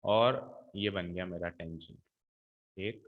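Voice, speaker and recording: A man's voice: deep voice, takes it slowly. A male maths teacher walks his students through a geometry solution one step at a time. He keeps checking that they are following him as he goes. The recording is thin and tinny, like a phone line. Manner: talks students through each step, coaxing with "ठीक है". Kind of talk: blackboard maths lesson.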